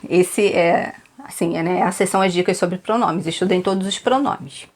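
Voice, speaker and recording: A woman's voice: lowish voice, moderate pace, a little mellow. Chatty Brazilian woman teaching exam prep. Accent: Brazilian Portuguese. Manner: chatty, repeats tips, frequent "tá?" check-ins. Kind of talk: online exam-prep lesson.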